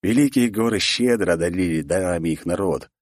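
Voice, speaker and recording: A man's voice: sits low, a little fast, no room sound, clean studio sound. A man narrating a first-person fantasy audiobook in a matter-of-fact, wry way.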